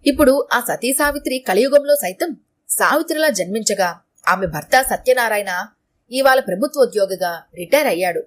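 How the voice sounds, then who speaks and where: A woman's voice: fairly high pitch, lively intonation, normal speed. Stern male god of death, commanding and theatrical, read by a woman storyteller.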